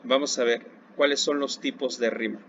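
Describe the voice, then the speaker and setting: A man with a Mexican accent teaching a recorded Spanish lesson to secondary school students. He speaks slowly and deliberately, asking a question and then answering it himself. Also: medium pitch, steady tone, a bit bright. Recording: dull lo-fi recording with faint background hiss.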